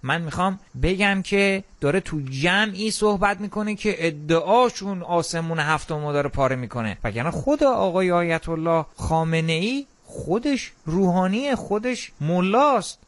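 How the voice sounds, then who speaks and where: A young man talks in a casual, opinionated monologue. He is emphatic and animated and keeps acting out quoted remarks from other people. His voice is notably high for a man. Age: young adult. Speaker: commentator who has attended radio meetings.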